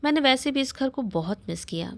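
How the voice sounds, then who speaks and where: A woman's voice: sits high, animated, a little fast, vocal fry, a bit bright, no room sound, pitched above the performer's own voice, heavily acted. A woman voicing an emotional young woman heroine in a read-aloud love story, pleading and reproachful.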